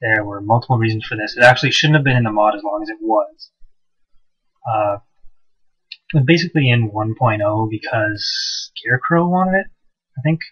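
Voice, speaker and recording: A man's voice: lowish voice, normal speed, husky. A man narrating gameplay casually over an old cheap microphone, his voice muffled and hollow as if from the bottom of a well, with frequent "uh"s and restarts. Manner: relaxed, with frequent "uh" and loose restarts. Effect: muffled hollow sound, like talking from the bottom of a well. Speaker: game mod developer.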